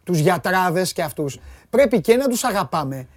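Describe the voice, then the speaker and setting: A man hosting a casual sports talk show, rambling in an animated way and laughing often. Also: high voice.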